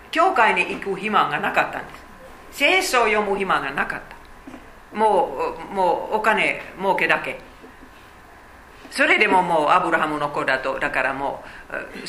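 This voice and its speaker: A woman's voice: lowish voice, lively intonation, moderate pace, bright, forceful tone, reverberant, slight background noise, poor audio. A woman teaching a Bible study, explaining chattily with fillers and asides.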